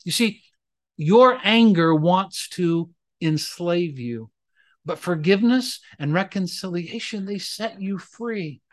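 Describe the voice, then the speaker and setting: A man preaching a sermon as pastor, with emphatic rises and slowed, drawn-out phrases, mixing storytelling with teaching. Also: sits high, lively intonation, no room sound.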